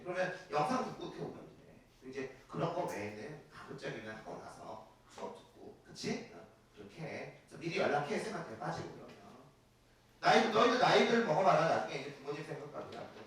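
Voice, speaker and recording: A middle-aged man teaching a class, his voice high, bright and full of swooping pitch. He moves between chatty storytelling and emphatic questions to his students. He sounds far from the mic in a very echoey room with faint hiss. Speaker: Korean language teacher. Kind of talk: classroom lecture with personal anecdotes.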